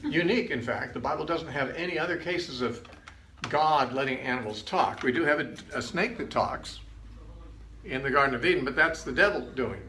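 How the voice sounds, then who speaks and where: Older man teaching Bible stories, bright tone. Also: mid-range voice, normal speed. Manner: conversational, acts out quoted lines casually. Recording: roomy with faint background noise.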